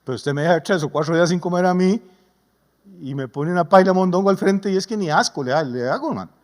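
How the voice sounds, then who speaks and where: A man preaches a sermon with a high voice, mixing folksy humor and homely stories into his teaching. His voice carries a long reverb from a church sanctuary. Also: expressive, fast talker. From Costa Rica. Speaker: pastor.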